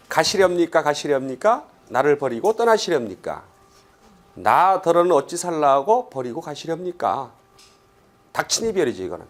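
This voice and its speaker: A middle-aged man from Korea lectures a class in an animated, swooping voice. His pitch sits a little high for a man. He keeps firing rhetorical questions and briefly acts out the lines he quotes. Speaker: Korean language exam lecturer.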